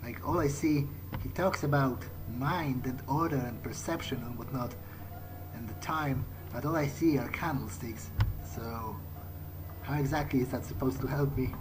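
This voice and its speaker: Over game music from the video game's soundtrack, a man speaks at a moderate pace in a medium-pitched voice, and the recording quality is low. He's a let's play gamer offering in-character commentary, hesitantly musing to himself while playing.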